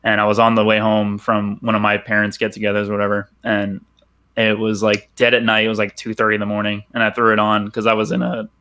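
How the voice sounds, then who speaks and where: A man's voice: on the low side, monotone, quick pace, bright, forceful tone, smooth. A young man co-hosting a podcast in casual chat, laid-back with lots of fillers and some swearing. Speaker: podcast co-host.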